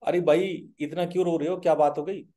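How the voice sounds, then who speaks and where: A man's voice: fairly high pitch, steady tone, a little fast, warm tone, lightly acted. A man voicing a male village mystic within a told story, pleading in grief at times and firm when he commands. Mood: gentle.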